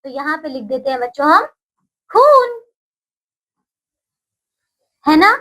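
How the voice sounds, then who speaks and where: A woman teaching a Hindi lesson to young children, slow and sing-song, stretching each new word with a lift in her voice. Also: high-pitched, a bit bright, rough recording. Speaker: primary school Hindi teacher.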